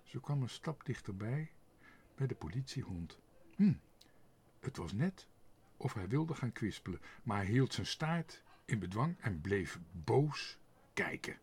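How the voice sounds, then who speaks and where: A man reading a children's book aloud, expressive and sometimes dropping to a whisper. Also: mid-range voice, measured pace, breathy edge. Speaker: narrator.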